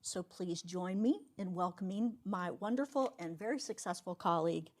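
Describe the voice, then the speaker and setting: A woman's voice: on the low side, moderate pace. A woman hosting an event, giving a formal, admiring introduction of a guest speaker. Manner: admiring, reads out credentials. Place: lecture hall.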